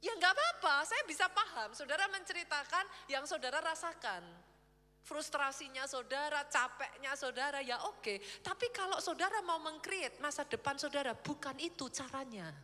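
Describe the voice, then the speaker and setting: A woman pastor delivers a lively sermon, slipping into quoted voices to make her point. Her voice is bright and forceful and sits very high. It rings out with a long echo through a church hall. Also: normal speed.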